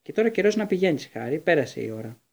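A man's voice: a little high, big pitch swings, vocal fry, heavily acted. A man voicing a kind but guarded adult male teacher of magic in an audiobook. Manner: gentle, then curt.

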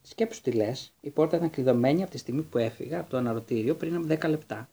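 Man voicing a calm old headmaster, slow and measured, mellow husky voice, storybook. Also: on the high side. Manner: calm, unhurried. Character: calm wise old male headmaster, quietly amused.

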